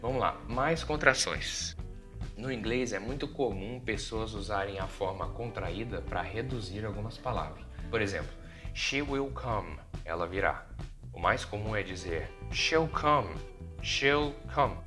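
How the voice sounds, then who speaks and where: A man with a Brazilian Portuguese accent, an English teacher hosting a podcast lesson, who explains patiently and models English words slowly for the listener to repeat. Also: fairly low pitch, bright, forceful tone, faint music behind.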